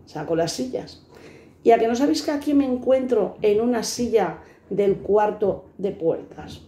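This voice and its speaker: A woman's voice: mid-range voice, lively intonation, normal speed, dark tone. A blunt, fiery woman in her fifties from Spain tells stories from her own life, swearing and acting out the people in them. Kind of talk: personal storytelling to camera. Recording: echoey room.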